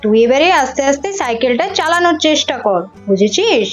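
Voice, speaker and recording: A woman voicing a kind, patient young uncle who teaches children to ride a bicycle, talking in a calm, lower voice. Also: a little fast. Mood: encouraging. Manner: soothing and patient. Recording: slightly muffled with faint music.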